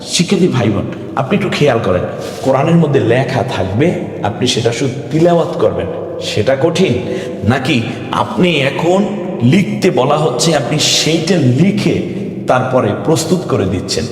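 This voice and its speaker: A man teaching Quran reading step by step, patiently coaxing his students and slowly chanting the Arabic words he spells out. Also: medium pitch, expressive. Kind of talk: step-by-step recitation lesson. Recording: roomy hall echo.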